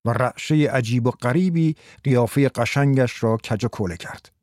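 A man reading a story aloud in a steady, measured narration. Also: medium pitch, dry recording, clean studio sound. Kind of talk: scripted audiobook narration.

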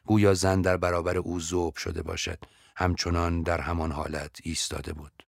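Deep voiced guy reading an audiobook, steady and measured, dry close sound. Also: creaky, no room sound. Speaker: narrator. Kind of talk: audiobook narration.

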